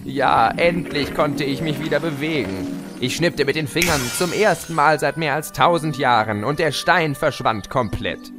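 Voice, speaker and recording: In an audio drama, a man voices a gleeful, scheming chaos creature who smugly and playfully narrates his own escape in theatrical first person. His voice sits a little high and sounds natural, moving at a normal speed over background music.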